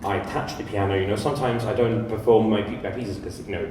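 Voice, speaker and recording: Brief: Greek-accented man, composer, halting panel answers, lowish voice, distant in a booming hall. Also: steady tone, darkish tone, a little hiss or hum. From Greece. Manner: halting, restarts words often, self-deprecating. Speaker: composer and pianist. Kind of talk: live panel Q&A. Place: large echoey art fair hall. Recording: very echoey hall from far off.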